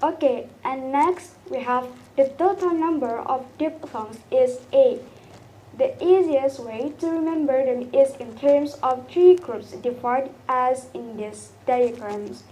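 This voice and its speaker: A young woman giving a student presentation, slowly sounding out each example vowel twice. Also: sits high, mellow, slight background noise. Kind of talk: classroom presentation.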